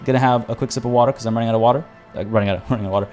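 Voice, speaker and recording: A man streams a video game live, chatting with his viewers in a rambling, tangential way full of restarts, and mentions he's losing his voice. His medium-pitched voice has fairly even intonation and a darkish tone, and he talks at a racing pace. Soft music plays in the background.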